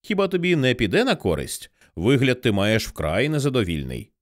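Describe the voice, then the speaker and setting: A man's voice: medium pitch, huge pitch swings, normal speed. A man reading an audiobook, voicing a sad, earnest townsman trying to persuade. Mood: persuasive.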